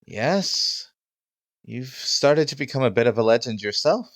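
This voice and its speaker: A man doing a high, cheery young nobleman. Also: lively intonation, measured pace, no room sound, studio quality. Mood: welcoming. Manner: cheerful, high and bright when speaking as him.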